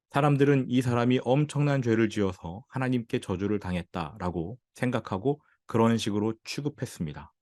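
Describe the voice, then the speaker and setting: A man preaching as a pastor, acting out the lines of the people in his story with lively emphasis. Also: medium pitch, dry recording, clean studio sound. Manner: animated preaching, acting out quoted speech. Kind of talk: sermon.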